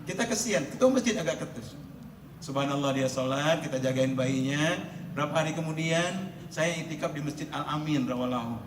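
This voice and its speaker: Animated preacher in an echoey hall. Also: male voice, fairly high pitch, brisk, background noise. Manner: storytelling, animated, laughing between lines. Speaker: preacher at a school Ramadan program. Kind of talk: sermon to students. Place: school hall. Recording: echoey room with faint ambience.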